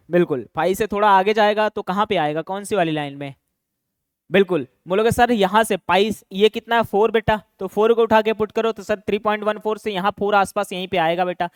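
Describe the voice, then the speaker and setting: A young man teaching an online maths exam-prep lesson, chatty and quick, calling students "beta" and "bhaiya" and answering his own questions. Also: high voice, smooth, no room sound, studio quality.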